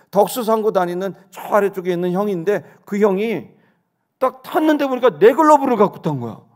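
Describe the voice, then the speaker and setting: A middle-aged man with a gravelly, fairly high voice tells a story from his youth. His pitch leaps around as he acts out each quote, jumping from near-whispers to loud shouts. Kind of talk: animated storytelling.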